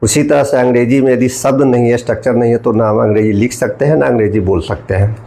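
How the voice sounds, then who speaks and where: A man's voice: medium pitch, fairly even intonation, fast, vocal fry, mellow. A man teaching English vocabulary in a classroom-style lesson. He spells words out letter by letter, repeats key words and asks the viewer questions.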